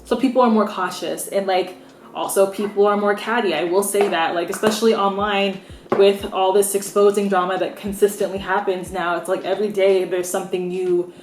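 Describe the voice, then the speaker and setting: A young woman from the United States talks straight to camera as a beauty vlogger, candid and opinionated. Her voice sits at a middle pitch and her speech is loose, peppered with "like." The sound carries a noticeable room echo. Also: fairly even intonation, a little fast, background noise. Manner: frank, opinionated, conversational with many "like"s. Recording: roomy echo.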